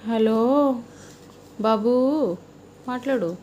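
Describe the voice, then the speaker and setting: A woman's voice: fairly high pitch, very slow, a little mellow, a little hiss or hum. A young mother, playfully coaxing and teasing her toddler at home at night in sing-song baby talk.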